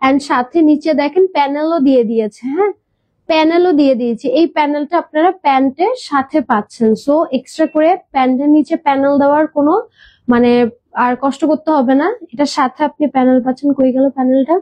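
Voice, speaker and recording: High-voiced woman selling clothes live. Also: fast, no echo, highs cut off. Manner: chatty, mixes in English words; hesitant fillers, repeats words. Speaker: online clothing seller. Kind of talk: live sales stream.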